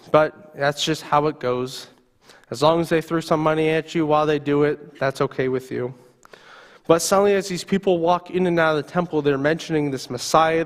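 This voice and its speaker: A man's voice: fairly high pitch, long reverb tail. A male pastor preaching a sermon, telling a story vividly in the second person.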